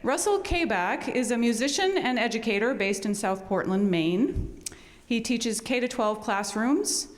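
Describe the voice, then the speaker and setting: A woman giving an informal welcome and introduction as host of a live event, chatty and halting, with improvised asides. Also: fairly high pitch, animated. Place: large indoor event space. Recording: reverberant hall sound.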